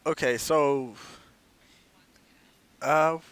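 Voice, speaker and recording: Laid-back young co-caster. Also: male voice, on the high side, steady tone, drawn-out words, a bit bright, smooth. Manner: laid-back co-host, many affirming yeahs. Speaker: esports caster. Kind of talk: live game commentary.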